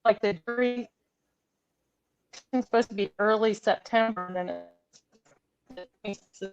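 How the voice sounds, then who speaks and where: A woman's voice: a little high, steady tone, unhurried, clean tone, no room sound. A woman calling in for a casual chat, her voice hesitant and full of fillers, cutting in and out over a choppy, breaking-up phone connection. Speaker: caller. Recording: dull lo-fi call line with faint music.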